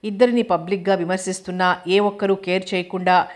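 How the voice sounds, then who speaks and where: Low, steady woman narrating a novel. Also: a little fast. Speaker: audiobook narrator.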